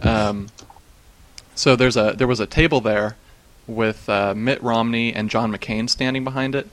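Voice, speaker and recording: A man's voice: mid-range voice, steady tone, a little slow, a bit bright, slight background noise. A man in casual chat, recounting strange dreams and often breaking into laughter. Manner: laughs often while telling, many fillers.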